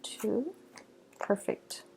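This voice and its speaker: A woman giving a tarot reading late at night, tired and halting, with many fillers and restarts. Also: heavy background noise. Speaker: tarot reader.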